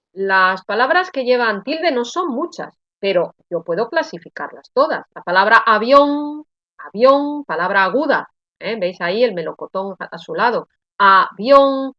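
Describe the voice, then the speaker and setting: A woman giving an online grammar lesson, sounding out words slowly and explaining with frequent checks like "¿eh?". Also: medium pitch, dry recording. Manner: slow, careful word-by-word pronunciation drills; explanatory, addresses students with frequent "¿eh?". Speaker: Spanish teacher.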